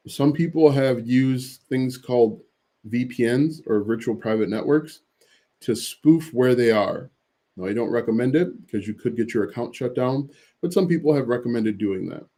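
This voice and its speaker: A man's voice: mid-range voice, dark tone. A man hosting a casual livestream, reading viewer questions from the chat and answering them with frequent fillers and restarts.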